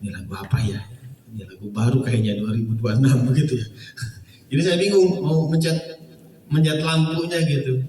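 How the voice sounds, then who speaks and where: A man's voice: fairly high pitch, brisk, mellow, slight background noise. A male Quran recitation teacher giving casual feedback to students, chuckling often and leaning on filler phrases. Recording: echoey hall, distant mic.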